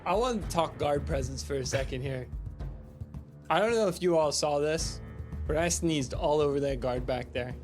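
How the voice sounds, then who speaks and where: A man chats as a player in a tabletop role-playing game, joking around and circling back over his points. His voice sits a little high for a man, with faint music behind him. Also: normal speed. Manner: joking, rambling, repeats himself. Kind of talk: casual chat in a tabletop game.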